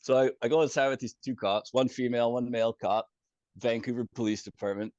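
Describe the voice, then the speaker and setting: A man casually recounting his own experience as a guest, animated and swearing freely, with chuckles along the way. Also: mid-range voice, fairly quick, dry recording. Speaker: former community moderator telling his story. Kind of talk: casual first-person storytelling. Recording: dull, dry, somewhat lo-fi sound.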